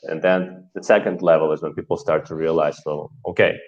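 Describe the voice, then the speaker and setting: Hesitant and philosophical, a Russian-speaking man from Kazakhstan fills his casual video-call talk as a guest with many fillers. His voice rumbles low with fairly even intonation and a slightly fast pace, and the call audio sounds dull and lo-fi.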